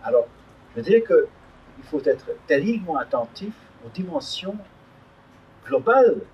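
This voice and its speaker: A man's voice: medium pitch, darkish tone, slight background noise. An older man from Hungary giving a public talk at an evening debate around a table, hesitant and full of fillers and restarts. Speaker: invited speaker. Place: meeting room around a table, above a restaurant. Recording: distant mic in a meeting room.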